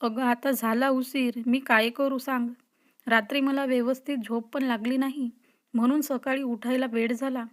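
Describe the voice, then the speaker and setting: A shy young college woman, read by a woman narrator answers defensively and scolds lightly. The voice is high and stays level, told as a storybook reading. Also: fairly even intonation, normal speed, natural voice. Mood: flustered.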